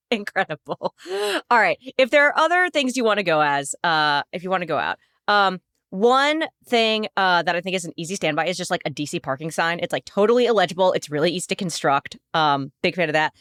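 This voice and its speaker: A woman with a mid-pitched, highly animated voice chats on a podcast. Her delivery is informal and playful, and the sound is dry. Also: a little fast, clear, resonant tone, no echo. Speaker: podcast panelist. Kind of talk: casual chat.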